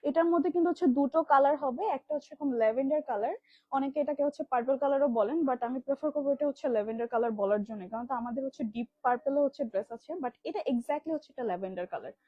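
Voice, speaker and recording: A woman from Bangladesh hosts a live online sale of kids' dresses, her voice high and her talk racing along in filler-heavy patter. The sound is close and dry, with a dull, lo-fi livestream quality. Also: very fast, no echo. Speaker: live sales host. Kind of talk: live product demo selling kids' dresses.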